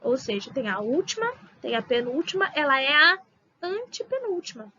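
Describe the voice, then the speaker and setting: A Brazilian woman teacher giving a recorded online lesson, slowly drawing out syllables and repeating example words. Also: high-pitched, very animated, sharp tone, highs cut off, a little hiss or hum. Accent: Brazilian Portuguese.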